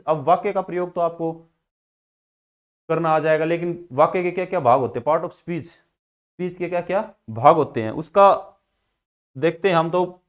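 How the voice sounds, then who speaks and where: A man with a Haryanvi Hindi accent teaching a school class, asking questions and then answering them himself. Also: fairly high pitch. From India. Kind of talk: classroom grammar lesson.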